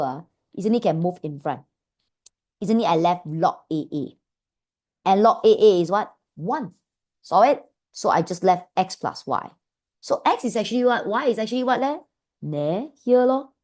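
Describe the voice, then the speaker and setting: A woman's voice: on the low side, darkish tone. A woman with a Malaysian accent teaching an informal revision lesson step by step as a maths teacher, chatty and full of rhetorical questions and tag particles.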